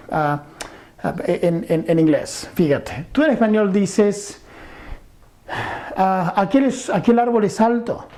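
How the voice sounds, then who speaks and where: A man's voice: high-pitched, mellow. A middle-aged man teaching an English grammar lesson, explaining patiently and often checking understanding.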